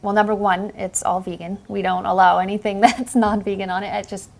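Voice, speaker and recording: A middle-aged woman talks as a guest in a relaxed interview, with a gravelly, fry-touched voice. She tells stories in a chatty, open way and laughs easily. Her pitch sits at an ordinary middle height. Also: poor audio. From born in the Netherlands, raised in Montana, US. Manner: chatty, storytelling, quick to laugh. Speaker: physician guest. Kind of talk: casual interview conversation.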